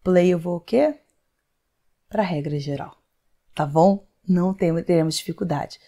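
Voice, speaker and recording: A woman's voice: fairly low pitch, measured pace, warm tone. A young adult woman from Brazil, an English teacher giving an online grammar lesson in a chatty way. She acts out imagined student questions in her own voice and often adds tag questions and stretched words for emphasis.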